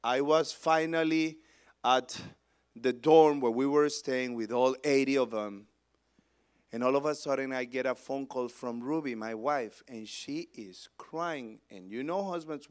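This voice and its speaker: A male pastor preaching a sermon, swinging between loud proclamation and hushed storytelling. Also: mid-range voice.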